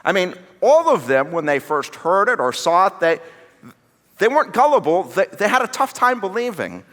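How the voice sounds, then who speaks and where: A man's voice: sits high, big pitch swings, normal speed, fairly bright tone, big-room sound. A man preaching a casual, conversational sermon, acting out the voices of the people in the story. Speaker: pastor. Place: church sanctuary.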